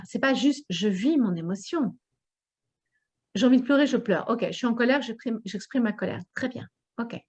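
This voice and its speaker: A woman coach leading a group session, talking expressively and acting out her inner voice. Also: on the high side. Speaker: personal development coach.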